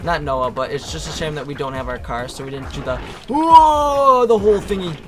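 A man chatting casually while playing a co-op game, laid-back and getting excitable in fights. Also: medium pitch, fast. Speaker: gamer. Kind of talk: co-op gaming commentary. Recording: faint game music behind.

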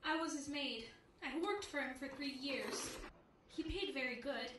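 A woman playing a soft-spoken housemaid being questioned about her employer's death, in a noir radio drama. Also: sits high, a little slow. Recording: very echoey, distant, crowd noise.

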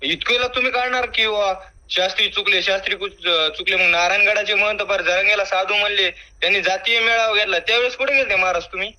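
Phone-call caller: man, forceful and hard-edged, rapid, confrontational, badgering with questions and interruptions. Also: high-pitched, no echo. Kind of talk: heated argument on a phone call. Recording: over a phone line, dry.

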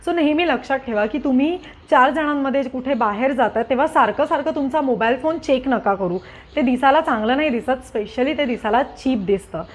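A woman's voice: sits high, brisk. A woman giving grooming and manners tips to her viewers in an earnest, repetitive way, slipping English words into her speech. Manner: earnest, repeats points, mixes in English words. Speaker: lifestyle vlogger. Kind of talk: casual advice talk to camera.

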